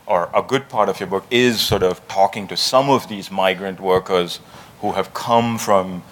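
A man interviewing a guest before an audience, hesitant and halting as he carefully builds long questions. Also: sits low. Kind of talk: conversational discussion before an audience.

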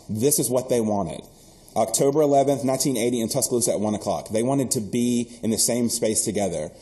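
A man from the US South, an archivist giving an animated, earnest keynote lecture with joking asides in a university hall. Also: medium pitch.

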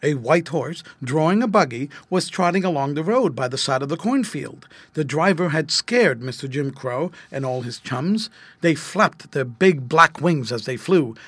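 A man narrating a children's storybook aloud in an expressive, lively read. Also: on the high side, breathy edge, no room sound.

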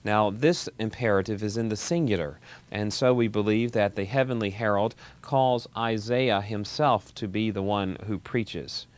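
A man giving a measured, explanatory Bible lecture, reading verses aloud and unpacking them. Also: lowish voice.

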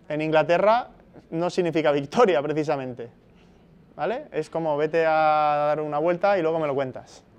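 A man from Spain giving a university lecture, explaining step by step and checking in with frequent tag questions. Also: a little high. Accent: Spanish from Spain.

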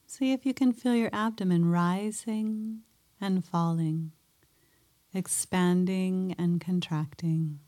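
A woman guiding a mindfulness meditation in a soft, gentle way, pausing often between phrases. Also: lowish voice, fairly even intonation. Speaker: meditation teacher.

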